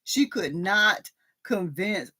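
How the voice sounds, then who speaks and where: Slow-talking laughing woman host. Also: medium pitch, animated, bright, forceful tone. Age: middle-aged. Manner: laughs often, drawling storyteller. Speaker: livestream host discussing a TV drama. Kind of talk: casual chat reading live comments.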